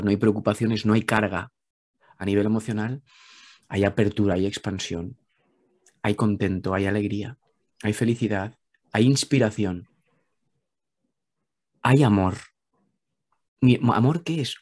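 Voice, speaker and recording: A guest speaker with a Spain Spanish accent and a fairly low voice gives a calm, reflective talk on spiritual ideas. He repeats phrases and poses rhetorical questions as he goes.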